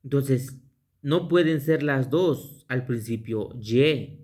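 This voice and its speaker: A man gives a slow, patient lesson, spelling out each letter and saying it again and again. His pitch sits in a plain middle range, and he stops and restarts now and then as he writes. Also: a little mellow. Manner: halting, with restarts while drawing. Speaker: teacher. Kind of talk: explanatory lesson on pronunciation.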